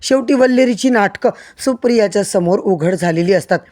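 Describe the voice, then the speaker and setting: A woman's voice: medium pitch, moderate pace, dark tone. Woman narrator, recaps episodes, talks straight to viewers, storytelling. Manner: addresses viewers directly, storytelling.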